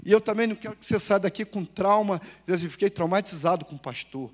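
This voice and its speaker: High-voiced Brazilian pastor preaching. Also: male voice, fast. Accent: Brazilian Portuguese. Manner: storytelling, lively swings between loud and hushed; addresses the congregation with questions. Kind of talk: sermon. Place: church.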